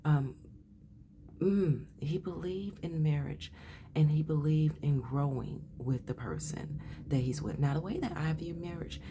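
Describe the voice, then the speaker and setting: A woman giving a casual, chatty tarot reading. She calls the listener honey and often drops into soft whispers. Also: low voice, unhurried, noisy background. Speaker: tarot reader.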